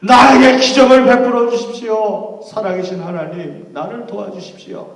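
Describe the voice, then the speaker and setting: A man's voice: sits high, moderate pace, pitched above the performer's own voice. A man voicing the apostle Paul as a suffering man pleading with God in fervent prayer. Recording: echoey hall, distant mic.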